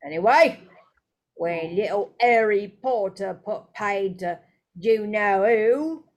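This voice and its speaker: Woman putting on an excitable gossipy young bus conductor, loud and dramatic, slow drawn-out delivery, storybook reading. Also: medium pitch.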